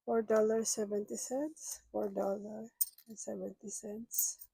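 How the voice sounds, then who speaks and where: With little pitch movement, this middle-aged woman's medium voice is a little slow, gravelly and dark, rough from being sick. She murmurs while counting money in a casual budget vlog, half to herself. Some hiss or hum runs through the rough recording.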